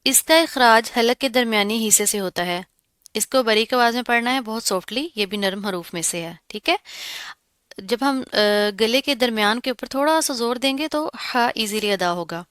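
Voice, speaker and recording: A Quran recitation teacher leads a pronunciation lesson, explaining each sound before saying it slowly and drawn out. Her voice is a little high, bright and crisp, recorded dry and close with no echo.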